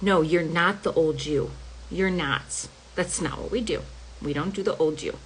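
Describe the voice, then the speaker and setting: A woman's voice: lowish voice, moderate pace, a little hiss or hum, low-quality recording. A middle-aged woman health coach talking casually and emphatically to her viewers, often checking in with "okay?" and "y'all.". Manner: chatty, emphatic, says "y'all" and "okay?" a lot. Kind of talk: casual talk to camera.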